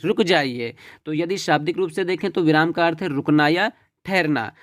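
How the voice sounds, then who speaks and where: A man teaching an exam-prep lesson, walking through questions and checking in with "ठीक है" and "देखिए" as he goes. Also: a little high. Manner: repeats "ठीक है" and "देखिए" as he explains.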